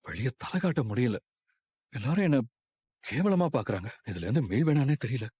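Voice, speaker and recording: A man's voice: mid-range voice, sing-song, normal speed, darkish tone, husky, no room sound. A man playing a young heir who has lost his father and his wealth, speaking in a heavy, subdued way in a dubbed drama. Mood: despairing. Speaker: grieving son of a failed hotel owner.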